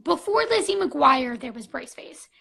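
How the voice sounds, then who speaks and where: Bubbly high-voiced woman in her twenties. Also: sing-song, unhurried, vocal fry, fairly bright tone, rough recording. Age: 20s. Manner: gushing and bubbly, full of "like" and "um". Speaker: live stream host. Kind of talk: casual live-stream chat.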